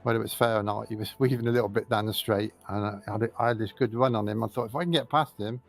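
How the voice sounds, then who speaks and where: A man's voice: lowish voice, level tone, fast, creaky, soft background music. A man racing in sim, sweaty after the race, answering interview questions in a self-deprecating way with frequent laughs.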